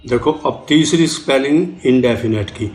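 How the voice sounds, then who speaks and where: Brief: older Indian male grammar teacher, deliberate classroom delivery, spells words out letter by letter. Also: mid-range voice, darkish tone, echoey room. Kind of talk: classroom-style grammar lesson.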